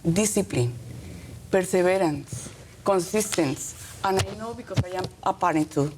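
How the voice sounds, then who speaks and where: A middle-aged woman from Colombia, a native Spanish speaker with a Colombian accent, answering interview questions as a teacher in halting, earnest English with short emphatic phrases. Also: fairly low pitch, noisy background.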